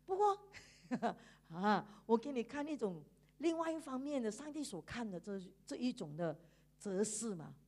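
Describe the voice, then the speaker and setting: High-voiced woman preaching a sermon. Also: moderate pace. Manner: animated, laughing often, emphatic sentence-final particles.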